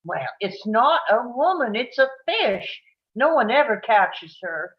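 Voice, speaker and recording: A woman's voice: a little high, very animated, a little slow. A woman voicing a blunt eight-year-old girl, muffled. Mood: chatty. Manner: matter-of-fact, counting aloud. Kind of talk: table read. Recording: dull lo-fi audio.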